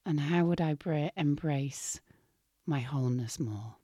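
A woman hosting a spiritual podcast talks casually in a low, husky voice, soft, slow and gentle, her voice still recovering and sometimes dropping into a whisper. The sound is dry and close, with no echo and no sense of a room.

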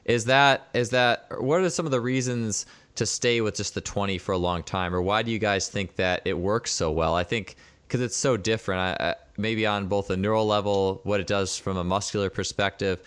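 A man hosting a podcast, asking his panel questions with halting restarts. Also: on the low side, a bit bright, smooth, no room sound. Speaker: podcast host. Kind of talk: interviewing a panel.

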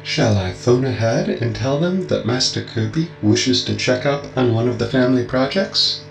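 A man's voice: medium pitch, animated, moderate pace, gravelly, roomy sound, soft background music, pitched above the performer's own voice, rough recording. A man voicing a courteous, formal male robot butler in a storybook reading. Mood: polite. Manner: courteous, formal, addresses master dutifully. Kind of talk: audiobook character voice.

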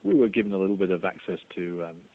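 A man answering interview questions as a sports executive, explaining in a measured way and repeating phrases as he goes. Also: deep voice. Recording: dull radio sound with faint hiss.

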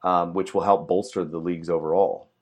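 A man's voice: sits low, steady tone, brisk, highs cut off. A man co-hosting a casual gaming talk show, joking with a dry, sarcastic humor. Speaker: podcast co-host. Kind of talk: casual chat.

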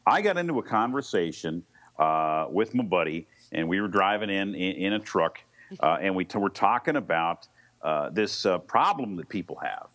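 A man's voice: sits low, lively intonation, normal speed, fairly bright tone. A man co-hosting a talk radio show in a casual, rambling conversational way.

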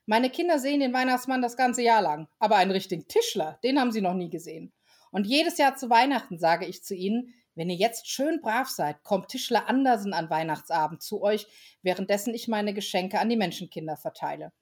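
A woman's voice: medium pitch, expressive, a little fast, close to an everyday voice. Storybook Father Christmas, jolly and coaxing, read by a woman. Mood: cheerful. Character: friendly, playful male Father Christmas.

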